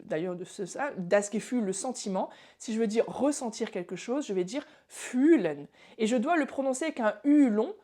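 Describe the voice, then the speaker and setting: A woman teaching a video lesson, explaining pronunciation in a lively way, speaking straight to the viewer and slowing down to model example words. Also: fairly high pitch. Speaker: German language teacher.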